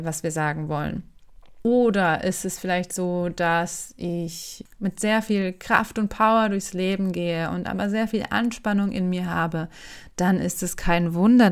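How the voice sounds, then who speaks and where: A woman, hosting her own podcast as a voice coach in a relaxed, chatty way with frequent fillers. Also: on the low side. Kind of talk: casual solo podcast talk.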